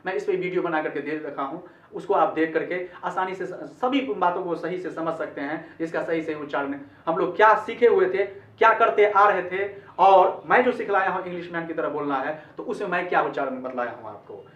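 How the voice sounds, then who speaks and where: Hindi-speaking man teaching pronunciation, high voice. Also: a little fast, fairly bright tone. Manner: explains patiently, repeats words and checks understanding. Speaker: English teacher. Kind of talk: spoken pronunciation lesson. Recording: roomy, distant and muffled.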